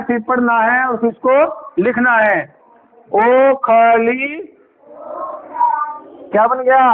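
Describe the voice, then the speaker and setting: Patient, slow-speaking male schoolteacher. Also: extremely high pitch. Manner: patient, coaxing, repeats and spells out words slowly. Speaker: primary school teacher. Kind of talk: classroom Hindi lesson. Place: village government school classroom. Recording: tinny phone-like sound with faint noise.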